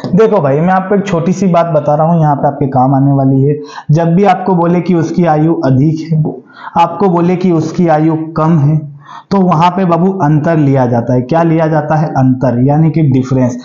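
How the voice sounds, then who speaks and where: A man's voice: on the high side, fairly even intonation, normal speed, dark tone, reverberant, highs cut off. A man in his forties teaching an exam-prep math lesson, asking the class questions and answering them himself. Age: 40s.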